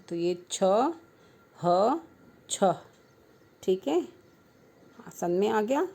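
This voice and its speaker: A young woman teaching small children in a patient, unhurried way, breaking words into single sounds. Her voice is mellow and warm, and she speaks slowly. She talks to the children affectionately. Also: medium pitch, creaky. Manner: slow, patient, spelling out sounds syllable by syllable; affectionate, calls the children "beta". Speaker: primary school Hindi teacher. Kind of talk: online class lesson for young children.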